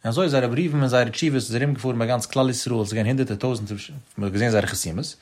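Fast sing-song male Talmud teacher. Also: mid-range voice. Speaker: religious teacher. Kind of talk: Talmud study lesson.

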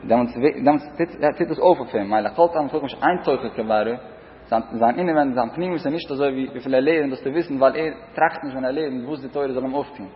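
A man giving a sermon as a religious teacher, telling parables in short, repeated phrases that rise and drop in loudness. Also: medium pitch, fast. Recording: dull sound in a reverberant hall, faint noise.

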